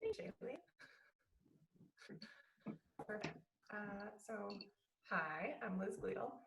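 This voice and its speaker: A woman in her thirties talks in an easygoing, searching way and often pauses on fillers. Her voice has a heavy gravelly fry. She sounds distant from the mic in a roomy, echoing space. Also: medium pitch, noisy background. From Canada. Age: 30s. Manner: relaxed and searching, with frequent fillers. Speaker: guest speaker, athlete. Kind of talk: conversational talk. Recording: echoey room, distant mic.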